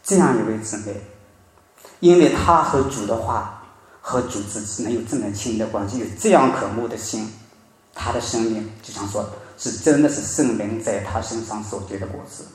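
A man preaching a sermon, telling a story with emphatic rises and soft drops in his voice. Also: on the low side, normal speed. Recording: very echoey room.

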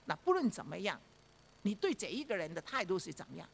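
A woman's voice: mid-range voice, big pitch swings, fast talker, creaky. A woman preaching a sermon, telling a story with rhetorical questions to her listeners and frequent fillers. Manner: frequent fillers and repeated phrases.

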